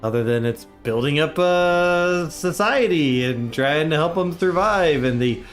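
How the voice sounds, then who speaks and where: Soft music plays behind this livestream gamer, whose voice is a little high, expressive, and a little slow. A dad of young kids with a cold that leaves him a bit congested, he chats casually and cheerfully, often saying hello to chat.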